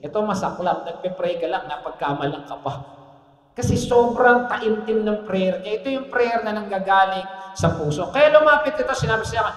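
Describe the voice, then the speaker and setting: A male pastor delivers a sermon in a conversational tone and keeps checking in with the congregation. His voice sits notably high for a man. The sound rings around a roomy church hall with a long tail of reverb. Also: animated, normal speed, fairly bright tone. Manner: conversational, often asks the congregation "Amen?".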